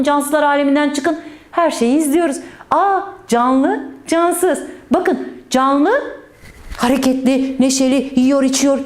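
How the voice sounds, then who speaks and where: A woman's voice: sits high, a little mellow, reverberant. A woman teaching children in a playful storytelling way, joking with the pupils and stressing words in a sing-song manner. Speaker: primary school teacher.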